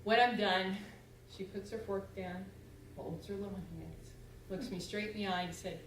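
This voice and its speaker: A woman's voice: medium pitch, steady tone, moderate pace, slight background noise. A woman in her sixties gives a humorous personal testimony to a church audience, acting out her own past words. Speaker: church speaker. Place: church sanctuary. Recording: echoey church hall from far off.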